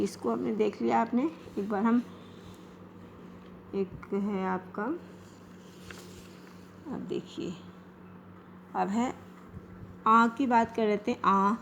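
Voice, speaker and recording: A woman teacher giving a grammar lesson, repeating points slowly and asking questions she then answers herself. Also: mid-range voice, a bit bright, a little hiss or hum. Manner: slow, repetitive questioning, answers her own questions.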